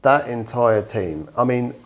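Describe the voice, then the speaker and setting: A man's voice: mid-range voice, animated, a little slow, over a noisy crowd. A man, co-hosting a casual podcast and arguing his points with banter. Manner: chatty, argumentative banter. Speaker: podcast co-host. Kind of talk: casual chat.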